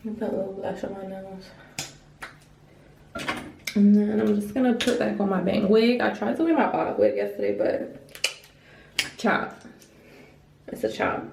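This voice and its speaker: A woman's voice: mid-range voice, gravelly, reverberant, background noise. A young woman vlogging casually about her trip, rambling and filling every sentence with "like". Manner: chatty and rambling, says "like" constantly. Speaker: travel vlogger. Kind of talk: casual chat to camera. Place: hotel room.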